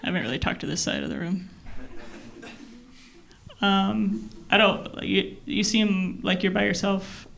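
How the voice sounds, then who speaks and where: A woman performing stand-up comedy stories in a deadpan, halting way, with pauses, to a laughing live audience. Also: medium pitch, creaky. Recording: loud noise of audience laughter. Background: crowd laughter.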